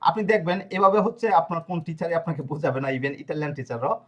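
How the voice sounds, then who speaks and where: A man's voice: a little high, lively intonation, a bit bright. A man teaching a grammar lesson to a class, explaining step by step and often asking if students follow. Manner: explanatory, checks understanding with frequent questions; spells out verb endings slowly. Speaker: language teacher.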